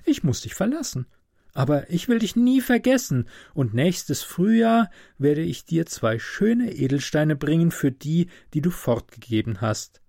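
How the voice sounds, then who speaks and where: A man's voice: fairly high pitch, sing-song, measured pace, vocal fry, mellow, no room sound, studio quality, pitched above the performer's own voice, exaggerated voice. A man reading a storybook aloud and voicing a loyal, kind-hearted female swallow in a raised, pleading voice.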